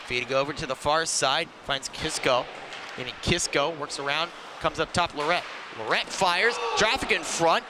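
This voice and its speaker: Man calling hockey play-by-play, noisy background. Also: a little high. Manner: clipped phrases following the play. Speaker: play-by-play ice hockey commentator. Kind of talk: live sports commentary. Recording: noisy rink ambience around the mic.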